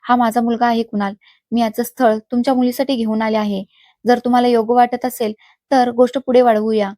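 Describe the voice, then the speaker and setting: A woman voicing a gentle, polite middle-aged mother who speaks softly and calmly. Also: fairly high pitch, brisk, no room sound, studio quality, natural voice. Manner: soft, polite, calm.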